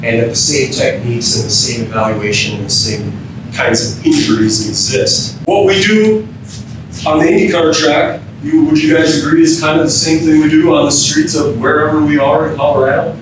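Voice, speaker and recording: An American emergency physician from Minnesota gives an informal, interactive training lecture to firefighters as keynote speaker, often quizzing the audience. His voice is steady and moderately paced. The room is very echoey, the mic distant, with a rumbling noise underneath.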